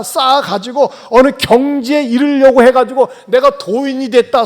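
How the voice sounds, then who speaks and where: A high-voiced pastor delivers an animated sermon in a church sanctuary, putting rhetorical questions to the congregation. The hall gives his voice a long reverb.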